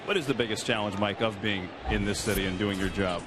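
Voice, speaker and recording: A man's voice: lowish voice, fast talker, background noise. A man working as a sideline reporter, doing a live interview during a game with informal, wordy questions. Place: outdoors at a ballpark during a game. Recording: clear ballpark ambience behind.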